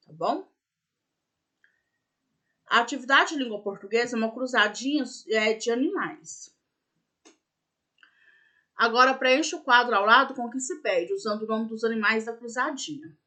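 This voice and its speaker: A woman's voice: on the high side, fairly bright tone. A woman teaching a recorded remote class for young pupils, patiently walking through the tasks and spelling words out letter by letter. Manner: checks in with "né?" and "tá bom?". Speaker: primary school teacher.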